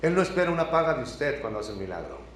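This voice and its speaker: A man preaching a sermon as pastor, swinging from hushed, intimate lines to loud, impassioned ones. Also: medium pitch, very animated, quick pace, slight background noise. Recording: very echoey church hall.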